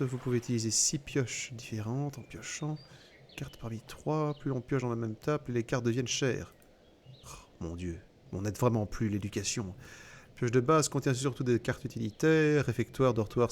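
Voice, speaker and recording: A man's voice: medium pitch, a little mellow, slight background noise. A man hosting a let's play, giving casual gaming commentary, sarcastic and joking, swearing and mocking the game text he reads out.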